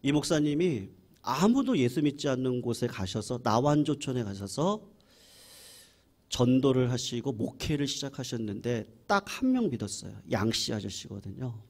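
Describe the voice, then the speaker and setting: A man, a senior pastor, preaching a sermon as a lively story and acting out quoted voices. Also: mid-range voice, normal speed.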